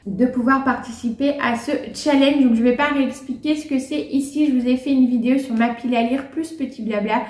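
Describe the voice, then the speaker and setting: A woman's voice: high-pitched, steady tone, brisk, few pauses, darkish tone, reverberant. A woman chatting casually about favourite books and finds, with many fillers and frequent laughs. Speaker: book and lifestyle vlogger. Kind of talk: casual chat, reviewing favourites.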